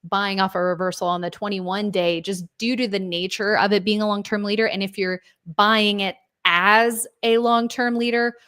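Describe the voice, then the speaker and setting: A woman co-hosts a market show at an ordinary mid pitch, speaking in an easy, conversational way. She prompts her partner with questions and steers the discussion of the charts. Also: little pitch movement, moderate pace, hardly any pauses, fairly bright tone, no room sound, studio quality.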